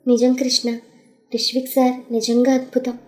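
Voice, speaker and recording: Lady doing cheery office assistant guy, high voice. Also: flat delivery, moderate pace, warm tone, faint music behind, lightly acted. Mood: cheerful. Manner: cheerful, evasive. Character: young man, admiring office assistant.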